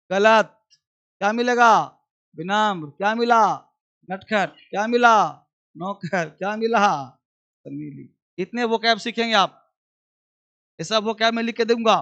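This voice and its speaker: A man's voice: sits high, bright, forceful tone. A man teaching a basic English class, drilling words and repeating questions for students to answer.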